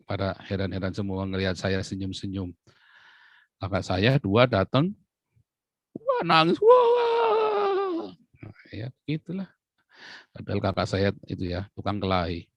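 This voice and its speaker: Man, middle-aged pastor, sermon, lower voice, dry close sound, playful storyteller. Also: no room sound. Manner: lively, joking storyteller who laughs often. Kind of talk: sermon with personal anecdotes.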